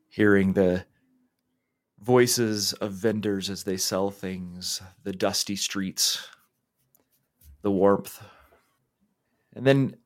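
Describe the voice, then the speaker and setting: A man hosting a podcast, calmly and gently guiding listeners through an imaginative scripture meditation. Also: lowish voice. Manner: calm, gently guiding, invitational. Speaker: podcast host. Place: back porch.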